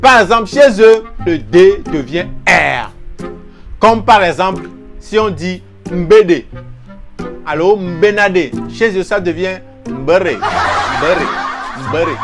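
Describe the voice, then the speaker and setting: High-pitched guy doing a comedy bit, lively, repeats stuff for laughs, music playing clearly behind. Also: slow pace. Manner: animated, repeats words for comic effect, mimics local accents. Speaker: comedian telling a mock history. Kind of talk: comic storytelling to camera.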